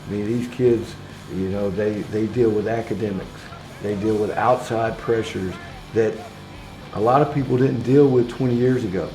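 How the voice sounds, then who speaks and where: A man from Alabama who coaches football speaks earnestly, stopping and restarting his thoughts. His voice is mellow and relaxed. The sound is roomy, with faint music underneath. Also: lowish voice. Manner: earnest, halting, many restarts. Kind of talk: interview soundbites.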